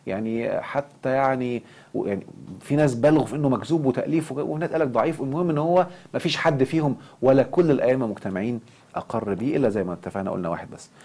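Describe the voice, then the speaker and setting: A man with an Egyptian Arabic accent giving an impassioned self-development lecture, animated and quick to swing into mock outrage. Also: medium pitch.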